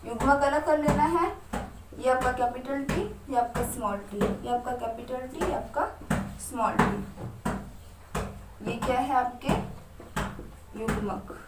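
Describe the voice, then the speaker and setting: A woman with a high voice teaches science at a board, asking herself question after question and answering each one, and she speaks directly to her students. Her voice rings around a reverberant room and reaches the mic from a distance, with a faint hiss underneath. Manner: asks herself questions and answers them step by step; talks straight to students. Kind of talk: whiteboard lesson.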